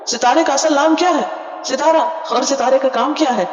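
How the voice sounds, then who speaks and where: A woman Quran teacher giving a word-by-word tafseer lesson. She explains terms patiently, adds English glosses, and keeps asking her listeners questions that she then answers herself. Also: high-pitched. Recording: echoey hall, dull lo-fi sound.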